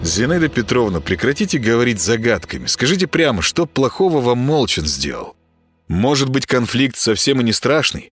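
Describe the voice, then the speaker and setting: A pushy village policeman, read by a male narrator who presses with mild mockery. His tone is lively and rises and falls a lot. Faint music runs underneath. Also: mid-range voice, moderate pace, pitched above the performer's own voice. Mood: coaxing. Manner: insistent, mildly mocking.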